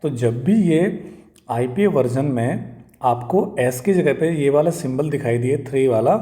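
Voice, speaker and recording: A man's voice: mid-range voice, unhurried, dark tone. A man teaching English pronunciation in a casual video lesson, repeating sounds and checking in often with "okay" and "right".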